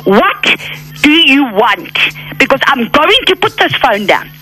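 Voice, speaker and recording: A woman's voice: high-pitched, big pitch swings, measured pace, pushed and bright, faint music behind. A woman on a radio phone call, arguing indignantly, repeating herself and swearing. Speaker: prank call target.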